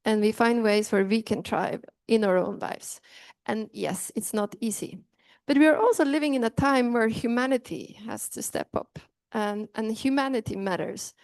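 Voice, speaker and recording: A woman's voice: fairly high pitch, normal speed, a little mellow, dry recording. A middle-aged woman from Norway with a Norwegian accent, giving an earnest talk and often restarting her sentences. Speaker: speaker on inclusion. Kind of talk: talk to an audience.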